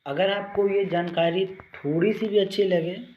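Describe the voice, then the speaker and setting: A teacher giving an exam-prep lecture, reading English definitions slowly and then explaining them in Hindi with everyday examples, in a loose, rambling delivery with frequent restarts. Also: mid-range voice, steady tone, muffled recording, slight background noise.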